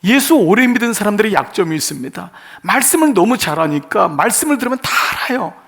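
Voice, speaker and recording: A man's voice: high-pitched, big pitch swings, quick pace, gravelly, fairly bright tone, breathy edge. A male pastor giving an earnest sermon in short phrases, putting rhetorical questions to his congregation. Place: church sanctuary.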